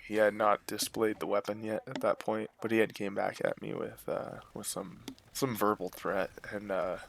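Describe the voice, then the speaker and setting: A man's voice: on the low side, vocal fry, fairly bright tone. A man casually telling a personal story to his viewers, rambling and profane, full of fillers and restarts, blunt and boastful. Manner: blunt, boastful, chuckles between lines.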